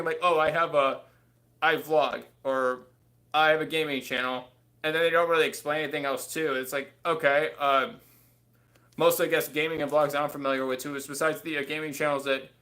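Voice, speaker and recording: A man in his thirties hosts a casual livestream from a small bedroom, speaking close to a webcam on his desk. His fairly high voice sounds pushed and bright, and he rambles along with lots of fillers and repeated uses of "too."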